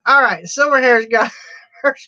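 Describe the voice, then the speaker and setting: A woman's voice: fairly high pitch, sharp tone. A woman hosting a casual live-stream auction, chatty and laughing often. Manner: chatty, laughs often, drawn-out slow delivery. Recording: dull lo-fi livestream audio.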